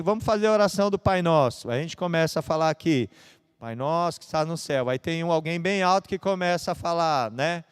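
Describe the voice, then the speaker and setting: A man preaching a sermon as pastor, with a São Paulo Brazilian accent, swinging between hushed and loud passages. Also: on the high side, smooth. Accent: Brazilian Portuguese, São Paulo.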